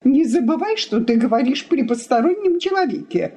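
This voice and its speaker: Tearful, indignant wife, high and swooping, played by a woman reader. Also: lively intonation, measured pace, a little mellow.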